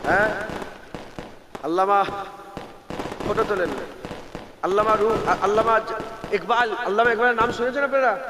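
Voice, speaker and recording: A man's voice: high-pitched, normal speed, pauses often. A male preacher with a Bengali accent, giving a sermon that calls on the crowd to answer and chants Arabic verses. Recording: echoey outdoor sound system with loud background noise.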